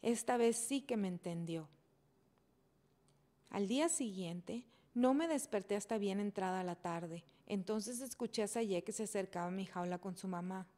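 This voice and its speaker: A woman reading a children's chapter book aloud in a gentle, steady storytelling manner. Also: mid-range voice, moderate pace, hardly any pauses. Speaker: reader.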